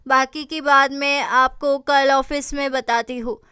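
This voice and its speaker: Young romantic lead, read by a woman, gentle and pleading, dry close sound. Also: high voice, fairly even intonation, measured pace, no echo. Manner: pleading, soft. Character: sweet young woman, the heroine.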